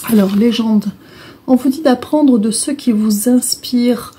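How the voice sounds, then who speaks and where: A woman's voice: a little high, measured pace, dark tone, slight background noise. A woman giving a casual oracle card reading, explaining each card in a repetitive, hesitant way. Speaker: tarot and oracle card reader.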